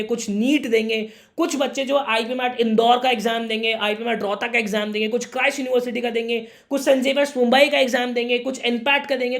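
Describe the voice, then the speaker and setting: A young man with a slightly hoarse voice from a sore throat, giving earnest, brotherly career advice to students straight to camera. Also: very high voice. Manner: earnest, brotherly, keeps calling the viewer "my brother". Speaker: career guidance YouTuber.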